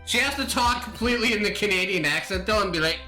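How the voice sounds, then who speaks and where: A man's voice: sits high, animated, fast talker, music in the background. A man hosting a gaming podcast in casual chat, enthusiastic and exclamatory as he runs through his picks. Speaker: podcast host.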